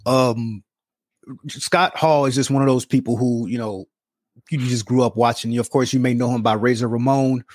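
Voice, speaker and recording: A man's voice: mid-range voice, fairly even intonation, normal speed, no room sound. A man co-hosting a podcast in casual chat, talking in long rambling runs full of fillers, on a close mic. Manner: rambling, many fillers, earnest. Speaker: podcast co-host.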